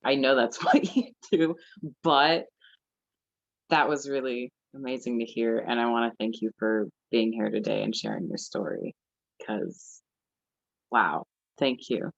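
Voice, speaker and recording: In a library event room, a nineteen-year-old panelist shares a personal story in an earnest, chatty manner packed with fillers. Their mid-range voice is unhurried and gravelly, and the audio is dry, with no echo and the highs cut off.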